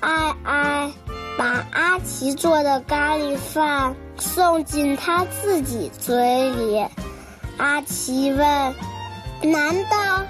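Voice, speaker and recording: Lady reading a kids' bedtime story, high voice, slow, music playing under. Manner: gentle, expressive storytelling. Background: children's music.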